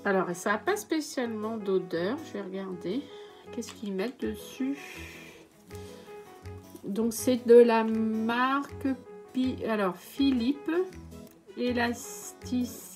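Slow-talking enthusiastic French woman. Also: fairly high pitch, darkish tone, faint music behind. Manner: enthusiastic, many fillers and exclamations. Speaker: beauty and lifestyle vlogger. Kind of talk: casual unboxing vlog.

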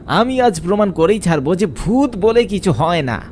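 A man's voice: sits high, very animated, normal speed, a little mellow, a little hiss or hum, pitched above the performer's own voice. A man voicing a cocky young man who scoffs at ghosts in a cartoon horror story. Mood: scoffing. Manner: scoffing, bold.

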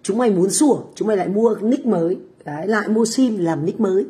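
Animated and fast-talking, she has a dark tone at medium pitch. The speaker, a middle-aged woman from Vietnam, hosts livestreams and runs a food stall, and from her home kitchen abroad she chats loosely with viewers in a brash, vulgar, mocking way.

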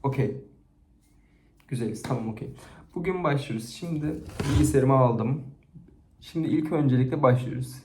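A man chatting casually to a camera, reading out embarrassing stories and rating them, expressive and chatty. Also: medium pitch, moderate pace, pauses often, noisy background. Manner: chatty and expressive, with frequent laughter. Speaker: YouTuber reading viewers' stories. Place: indoors at home, set-up camera. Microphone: camera on a stand. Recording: echoey room.

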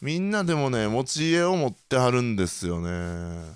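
Excitable Kansai man playing a game. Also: moderate pace, clear, resonant tone, dry recording, studio quality. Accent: Kansai Japanese. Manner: excitable, reacts loudly to surprises, then mutters low. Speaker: gaming channel host. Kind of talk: let's play commentary.

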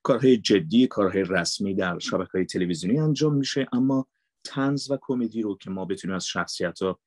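Speaking with a Mashhadi Persian accent, this man from Mashhad, Iran, a voice actor and dubber, gives earnest, emphatic interview answers and repeats points for emphasis. His voice is lowish and darkish, with no echo.

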